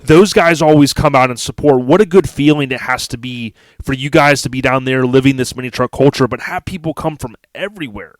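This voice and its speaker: A man's voice: mid-range voice, brisk, few pauses, no echo. Chatty American man hosting a podcast, dry sound. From United States. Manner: enthusiastic, addresses listeners directly. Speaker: podcast host. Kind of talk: casual chat.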